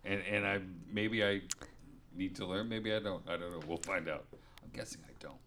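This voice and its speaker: A man in casual chat, wry and hesitant, trailing off quietly at the ends of his thoughts. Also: low voice, steady tone, moderate pace, a little hiss or hum.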